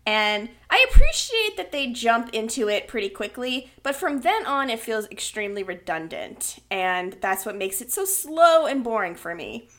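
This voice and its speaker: A woman co-hosting a podcast, summarizing a movie in a relaxed conversational way. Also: a little high, normal speed, few pauses. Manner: conversational, walks through the plot in summaries. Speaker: podcast co-host. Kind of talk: casual movie review chat.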